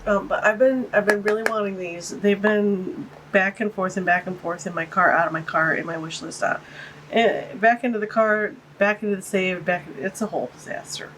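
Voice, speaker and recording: An art channel host gushes and chats through a casual art-supply unboxing vlog, cooing over tiny things in a stuffy, congested voice that sits mid-range, a bit bright, at normal speed. Filmed overhead at a tabletop in her home art studio on a camera-mounted shotgun mic, the low-quality recording carries a little hiss or hum.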